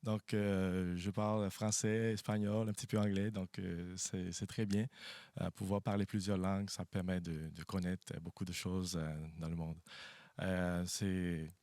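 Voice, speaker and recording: A male bass singer of Haitian and Venezuelan origin, speaking softly with many fillers. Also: little pitch movement, a little slow, no echo.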